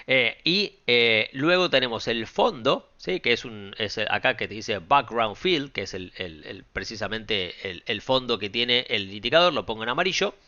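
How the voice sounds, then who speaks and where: Bright-voiced Rioplatense man teaching trading. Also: mid-range voice, animated, moderate pace, few pauses. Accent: Rioplatense Spanish. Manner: casual, direct, frequent check-ins and fillers. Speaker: trading tutorial host. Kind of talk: screen-share software tutorial. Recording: dull lo-fi sound.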